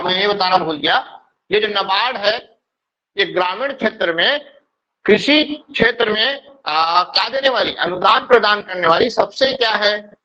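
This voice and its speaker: Guy teaching an exam prep class, high voice, slow and deliberate, asks stuff then answers it himself. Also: pushed and bright, dull audio. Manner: dictates slowly, repeating terms for note-taking.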